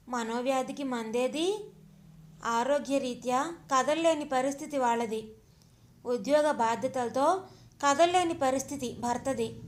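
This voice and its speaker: A woman narrating an audio story in an expressive, reflective way, posing rhetorical questions. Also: high-pitched.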